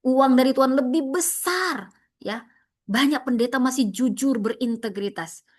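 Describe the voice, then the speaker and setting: A woman's voice: high-pitched, measured pace. A woman pastor, preaching a sermon in an impassioned, scolding way full of rhetorical questions.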